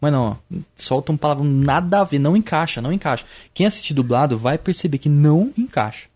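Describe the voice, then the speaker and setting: A man's voice: a little high, expressive, quick pace, darkish tone. A man co-hosting a casual podcast, opinionated and full of hesitant fillers. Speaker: podcast co-host. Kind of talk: casual chat.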